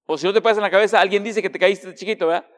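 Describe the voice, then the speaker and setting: Man preaching a sermon, hushed to emphatic. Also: sits high, fairly even intonation, in a large hall. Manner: swings between hushed, slow passages and raised, emphatic ones; asks the congregation direct questions. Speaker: pastor.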